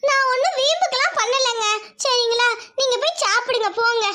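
A woman's voice: extremely high pitch, fairly quick, sharp tone. A woman doing a stubborn, feverish village wife. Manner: weak, refusing, stubborn. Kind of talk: cartoon voice acting.

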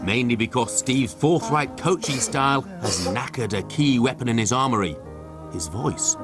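A man giving scripted documentary narration in a wry, measured way. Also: mid-range voice, lively intonation. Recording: narration over loud music.

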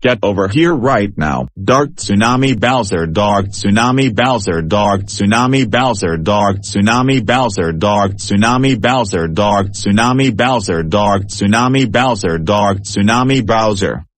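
A man voices a stern cartoon grown-up who monotonously repeats names and orders the kids over. The voice is on the low side and sounds flat. The sound is dry. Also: a little slow, hardly any pauses, dry recording.

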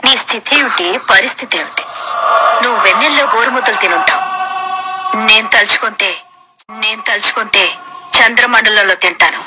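A woman's voice: a little high, brisk, long pauses, over loud music, lightly acted, low-quality recording. An actress playing a proud, possessive woman villain, delivering commanding film dialogue. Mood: scornful. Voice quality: haughty, commanding. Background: loud film score.

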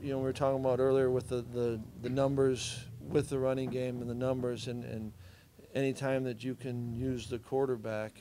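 A man's voice: medium pitch, flat delivery, moderate pace, few pauses, noisy background. A middle-aged man, a head football coach, giving plainspoken, understated answers at a postgame press conference.

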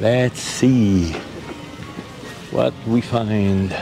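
A man in his forties talks casually to viewers as a travel vlogger, walking outdoors through sunny island streets with a handheld camera. He repeats himself and tosses out relaxed asides. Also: on the low side, very slow, music in the background. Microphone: action camera held at arm's length while walking. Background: street and vehicle noise.

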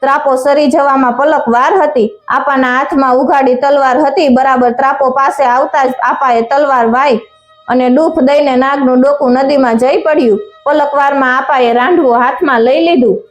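A woman's voice: high-pitched, fairly even intonation, normal speed. A woman reading a folk tale aloud with dramatic storytelling and a few slips and restarts. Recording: echoey room with faint music.

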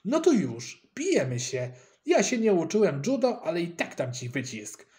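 A man's voice: high voice, huge pitch swings, moderate pace, pitched above the performer's own voice. A man doing a brash taunting schoolboy. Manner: mocking, loud, taunting. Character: brash, scrappy schoolboy, quick to fight.

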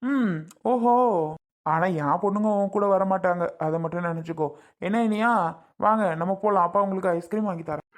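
A woman's voice: mid-range voice, a little fast, close to an everyday voice. A woman playing a stubborn husband who teases and mocks his wife, in a family skit. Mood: teasing. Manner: sarcastic, teasing. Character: teasing, stubborn husband Arjun.

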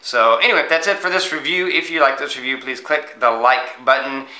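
A man's voice: medium pitch, a little fast, pushed and bright. An American man hosting a casual app review, rambling with lots of fillers and restarts. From United States. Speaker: tech reviewer, channel host. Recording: echoey room.

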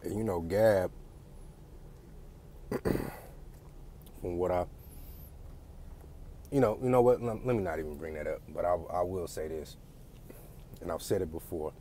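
A man's voice: deep voice, steady tone, measured pace, long pauses, warm tone, slight background noise. A man giving a blunt, profane, lecturing rant straight to his audience. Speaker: vlogger. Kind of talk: casual ranting monologue.

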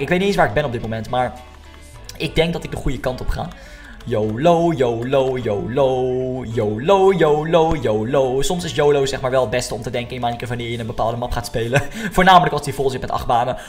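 A young man gives casual gaming commentary at a medium pitch. He is excitable and jokey, addressing viewers directly and mixing in English slang. Faint music plays behind his voice. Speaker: gaming video host. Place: indoor room.

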